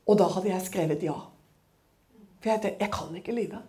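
A woman's voice: on the low side, warm tone. A woman speaking at a church, telling a personal testimony as a dramatic, chatty story full of conversational fillers.

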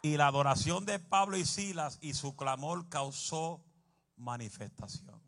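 A man preaching a sermon, animated and humorous, bursting into shouts. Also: a little high, a little slow, creaky.

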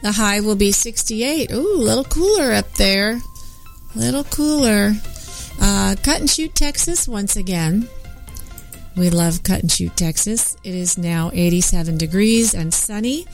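A woman's voice: mid-range voice, expressive, unhurried, faint music behind. A woman co-hosting a radio show, reading weather casually and adding chatty little asides. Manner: chatty, adds small asides.

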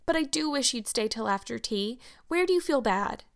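A woman's voice: on the high side, animated, moderate pace, creaky, pitched above the performer's own voice. A woman voicing an earnest, dramatic young girl who wails in flowery, tearful speech. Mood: anxious, pleading. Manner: melodramatic, flowery, wailing.

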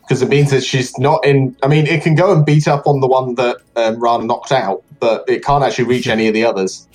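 Relaxed man running a tabletop game. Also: mid-range voice, fairly quick, soft background music, low-quality recording. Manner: relaxed, hesitant narration with fillers. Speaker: game master.

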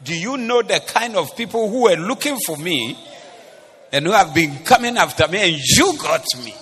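A man's voice: high-pitched, animated, normal speed, fairly bright tone, a little hiss or hum. A man, voicing a boastful young woman who brags about herself in a smug, mocking way, heard in a reverberant church.

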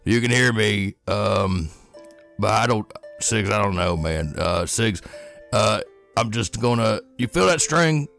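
A man's voice: on the low side, lively intonation, a little slow, creaky, a bit bright, faint music behind, heavily acted. A man voicing an earnest male adventurer who fumbles and trails off as he calls out to a friend in a tabletop game. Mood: pleading. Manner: fumbling, trailing off, self-doubting.

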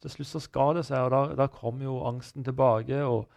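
A middle-aged man giving an earnest personal testimony in an interview, halting with many restarts. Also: medium pitch, fairly even intonation, vocal fry, darkish tone. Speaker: guest telling his testimony.

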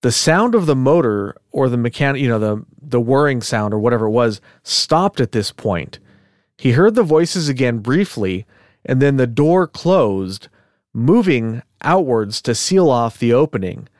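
This podcast co-host, a man whose pitch sits squarely in the middle, recounts a case at a measured pace, loose and chatty, sprinkling in fillers and asides as he thinks out loud. There's no reverb; the audio sounds close and dry.

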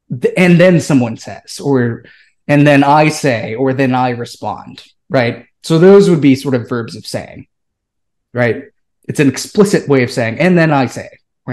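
Male guest scholar, mid-pitched, professorial and chatty, keeps asking "right?". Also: darkish tone. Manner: professorial, checks in with "right?" and "okay?". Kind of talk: explaining to a group on a podcast.

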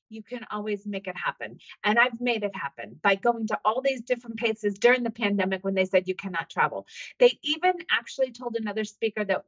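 A woman's voice: fairly high pitch, fairly bright tone, dull audio. An American woman doctor hosting a podcast, talking in an upbeat, motivational way with many fillers. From United States. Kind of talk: solo podcast talk.

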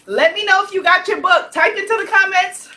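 A loud, exuberant woman hosting a live stream as an author, reading out viewer comments and cheering often. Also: very high-pitched, brisk. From Guyanese-Caribbean family. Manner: frequent laughter, cheering chants.

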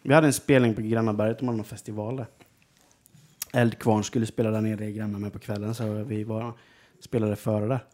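A man's voice: on the low side, little pitch movement, a little mellow. A young man telling a rambling story in casual chat, full of fillers and swearing. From Jönköping, Sweden.

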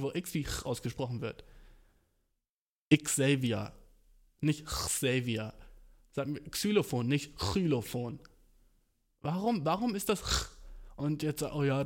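A young man chatting casually as a podcast host, slangy and profane, mixing English words into German and ranting with mocking energy. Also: fairly high pitch. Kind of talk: casual chat.

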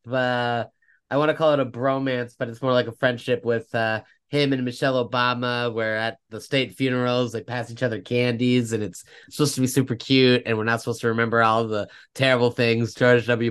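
A man's voice: mid-range voice, little pitch movement, moderate pace, a bit bright, smooth. A man co-hosting a casual political podcast, rambling and correcting himself as he talks, often laughing at his own stories. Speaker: podcast co-host.

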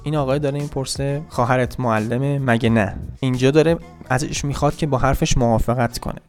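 A man teaching English grammar on a podcast, explaining quickly and reading out example sentences. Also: medium pitch, steady tone, soft background music.

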